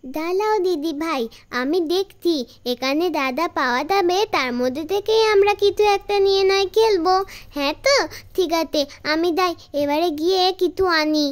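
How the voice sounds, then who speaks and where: A woman's voice: very high voice, moderate pace. Woman doing a chirpy little girl. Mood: excited. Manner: excitable, chirpy. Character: excited little girl, younger sister. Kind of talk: doll cartoon voice acting.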